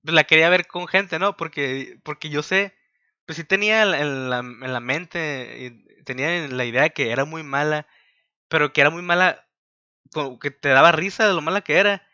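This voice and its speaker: Male podcaster, bright close voice, dry sound, animated. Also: a little high, normal speed, dry recording. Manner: animated, acts out quotes. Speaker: podcast panelist. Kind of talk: casual movie chat. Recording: dull lo-fi.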